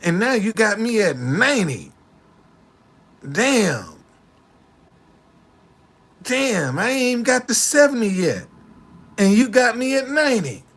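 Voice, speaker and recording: Man, late sixties, casual talk to camera, street slang, repeats himself, fairly high voice. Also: takes it slowly, pauses often. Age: 60s. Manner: animated, repetitive, indignant retorts.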